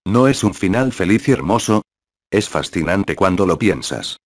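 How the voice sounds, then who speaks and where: A man reading the lines of a teasing, know-it-all young girl in a flat, low voice. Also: moderate pace, no echo, studio quality. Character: cheeky meddling young girl, Bai Ou.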